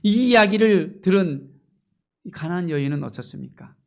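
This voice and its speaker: A male pastor preaching a sermon with passion, moving from loud exclamations to near-whispers and asking his congregation rhetorical questions. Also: sits high, animated, moderate pace, creaky.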